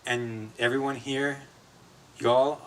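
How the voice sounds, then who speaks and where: A man's voice: mid-range voice, fairly even intonation, takes it slowly, a little hiss or hum. A man from Guatemala, executive director of an advocacy group, giving a casual, conversational keynote at a conference. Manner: casual, conversational speaker with fillers and restarts. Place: conference stage.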